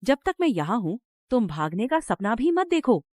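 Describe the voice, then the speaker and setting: A woman's voice: fairly high pitch, very animated, normal speed, a little mellow, dry recording, clean studio sound. A cruel village mother-in-law. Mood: menacing. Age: middle-aged. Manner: harsh, scolding, threatening. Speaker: dubbing actor. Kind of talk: Hindi drama dub.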